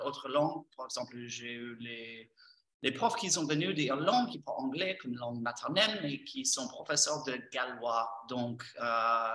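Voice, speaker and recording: A middle-aged man from Texas, a native English speaker, presents training courses in halting non-native French with an American accent, searching for words. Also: mid-range voice, sharp tone. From Texas, United States. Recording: roomy echo, distant from microphone.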